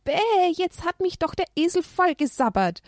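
A cheeky young boy teases his sister in a children's storybook, as a woman acts him out. His voice is pitched well above her own and sounds boyish. The sound is dry and close. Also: big pitch swings, normal speed, no echo. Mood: teasing.

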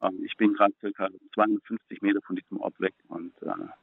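A middle-aged man tells a personal faith story in a low, earnest voice, stumbling and repeating words when it moves him. He comes through a thin, phone-like line with a dry sound. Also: big pitch swings, fairly quick, vocal fry, no echo. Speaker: guest.

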